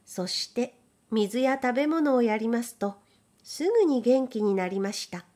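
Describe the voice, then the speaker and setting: Slow, gentle woman reading a folk tale. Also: on the high side, lively intonation. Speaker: narrator. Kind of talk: storybook read-aloud.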